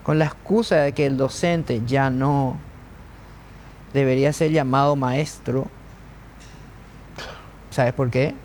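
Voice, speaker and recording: A man's voice: mid-range voice, steady tone, takes it slowly, pauses often, darkish tone, a little hiss or hum. A man co-hosting a talk show, making wry, argumentative points and checking for agreement. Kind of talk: casual studio conversation.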